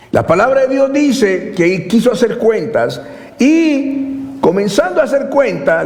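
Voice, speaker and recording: High, lively-voiced preaching man. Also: roomy sound, big-room sound. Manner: emphatic preaching, calls listeners "hermano"; asks the congregation rhetorical questions. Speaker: pastor. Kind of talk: sermon.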